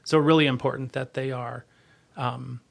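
A man giving a conversational podcast interview as an agency leader, earnest and halting, often rephrasing as he goes. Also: medium pitch, steady tone, vocal fry.

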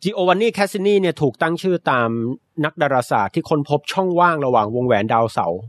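A man's voice: a little high, big pitch swings, fast talker. A young Thai man co-hosting a podcast, casually explaining science news in a chatty, explanatory way. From Thailand. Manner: explanatory, chatty, adds polite particles.

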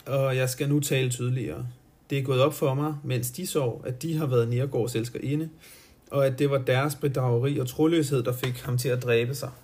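A man's voice: medium pitch, a little mellow, slightly rough, lightly acted. A man reading aloud and voicing a young man who coldly accuses a woman.

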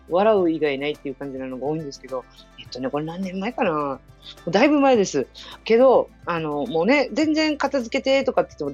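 Woman host, lowish voice, lively swings, chatty storyteller, dull lo-fi recording. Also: husky. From Okinawa. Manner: chatty, storytelling, laughs at herself. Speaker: radio show host. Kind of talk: casual solo podcast talk. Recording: dull lo-fi sound with faint music.

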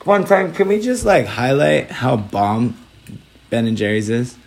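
A man's voice: mid-range voice, animated, unhurried, creaky. Young man joking on a casual podcast. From Southern California. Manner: laughs often, joking and swearing. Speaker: podcast co-host.

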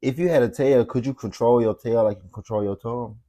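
A man's voice: mid-range voice, brisk, mellow. A man hosting a podcast in loose, profane, jokey slang banter. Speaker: podcast host. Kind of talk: casual chat.

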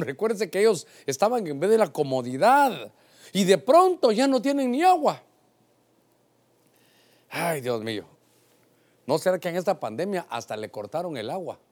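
A middle-aged man, preaching a sermon and swinging from loud to hushed. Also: sits high. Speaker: pastor.

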